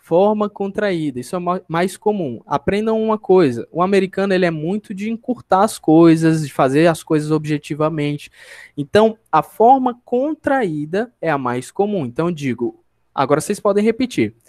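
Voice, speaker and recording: A man's voice: high voice, lively intonation, darkish tone, no echo. A man with a Brazilian Portuguese accent, an English teacher explaining grammar in an online lesson and asking and answering his own questions. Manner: explains step by step, asks rhetorical questions and answers them; slow, drawn-out model phrases for students to repeat.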